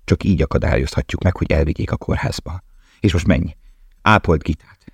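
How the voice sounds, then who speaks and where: Man reading a book as a desperate young guy prisoner, urgent and bossy, very deep voice. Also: vocal fry, husky, dry recording, heavily acted. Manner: urgent, commanding.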